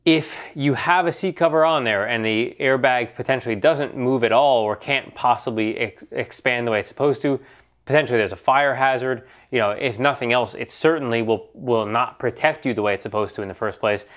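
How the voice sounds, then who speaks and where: Male host, mid-pitched, nasal from a lingering cold, casual conversational Q&A delivery with plenty of fillers and restarts. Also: a little fast, fairly bright tone. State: nasal from getting over a cold. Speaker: show host answering car questions. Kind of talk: casual talk-show Q&A.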